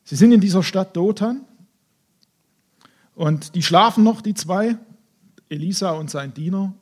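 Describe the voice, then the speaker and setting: A man preaches a sermon, retelling a Bible story with lively, dramatic flair. His voice sits fairly high and sounds husky. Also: a little slow. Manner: animated storytelling, acting out scenes in voices.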